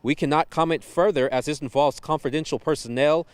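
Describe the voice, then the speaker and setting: Give me a higher-voiced male news reporter. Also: fairly quick, smooth, no room sound. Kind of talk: scripted news report narration.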